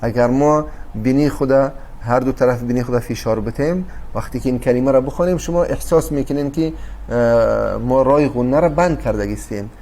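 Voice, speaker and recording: A man's voice: mid-range voice, dark tone. A man teaching a recorded Quran recitation lesson, explaining patiently with fillers and restarts. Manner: addresses listeners as dear brothers and sisters.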